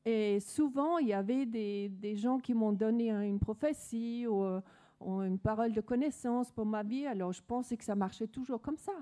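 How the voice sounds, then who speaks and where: A woman's voice: fairly high pitch, moderate pace, mellow. A woman from Denmark with a Danish accent, earnestly telling her personal faith story with many restarts. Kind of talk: personal testimony.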